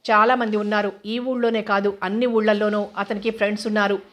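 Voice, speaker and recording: A woman voicing a bold young woman who talks firmly and calmly, in a mid-pitched, narrow-ranged tone. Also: quick pace, natural voice. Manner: firm and composed.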